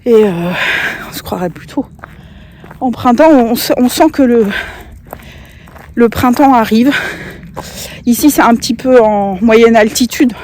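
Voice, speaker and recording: A woman's voice: on the high side, unhurried, long pauses, darkish tone, a little hiss or hum. Chatty woman rambling with fillers. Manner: chatty, hesitant with many fillers, laughing asides. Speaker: craft vlogger. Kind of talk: casual knitting vlog chat. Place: outdoors on a walk, sunny day.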